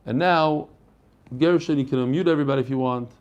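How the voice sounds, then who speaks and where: A man giving a Talmud lesson as a rabbi, explaining in animated question and answer and mixing in Hebrew and Aramaic phrases. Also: mid-range voice, quick pace, muffled recording. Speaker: rabbi teaching a daily Talmud class.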